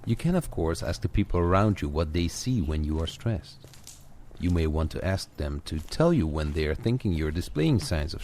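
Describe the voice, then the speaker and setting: This coach, a man with a low, darkish voice, guides one listener through a walking audio session, talking conversationally and encouragingly and slipping in playful asides. Added walking footsteps, garden birds and ambience form a faint, clear outdoor backdrop.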